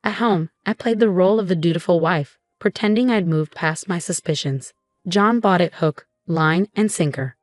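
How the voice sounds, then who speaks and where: A woman reading a first-person story as scripted narration, in a steady, measured way. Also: lowish voice, no echo, faint music behind.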